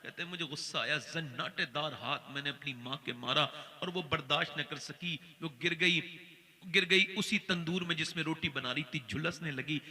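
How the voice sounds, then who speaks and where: A man's voice: fairly high pitch, moderate pace, pushed and bright, big-room sound. A male preacher giving a sermon, telling stories with feeling and acting out the voices of the people in them. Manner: emotional storytelling, acting out quoted voices.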